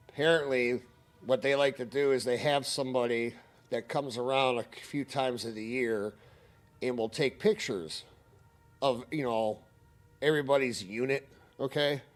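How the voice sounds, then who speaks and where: A man's voice: mid-range voice, unhurried, long pauses, faint music behind. A man telling a story on a stream in a casual, heated, profane ranting manner.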